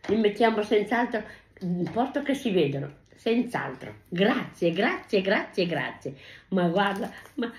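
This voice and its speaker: A woman's voice: mid-range voice, very animated, measured pace. An older woman, a grandmother, talking in a casual home video; she is effusive, repeats her thanks over and over and breaks into sing-song exclamations. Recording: echoey room with faint noise.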